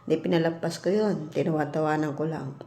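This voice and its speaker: A woman's voice: low-pitched, fast. A woman from the Philippines, a domestic worker abroad, telling a story bluntly in a casual vlog and acting out the arguments she quotes. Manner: blunt, animated retelling with quoted exchanges. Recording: echoey room.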